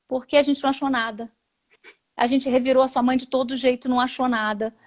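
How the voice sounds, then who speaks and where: A woman with a Brazilian Portuguese accent and a high voice tells a heartfelt personal testimony. She speaks as a guest in an interview, animated and expressive, and slips into the voices of the people in her story. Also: fairly quick.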